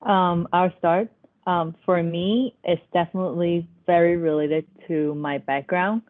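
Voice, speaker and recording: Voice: mid-range voice, fairly even intonation, a little slow, dry recording. Young speaker from on a tinny call. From Hong Kong. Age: young adult. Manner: earnest, thoughtful, with hesitant fillers. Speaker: architecture student. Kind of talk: panel discussion answers. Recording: tinny phone-like video call audio.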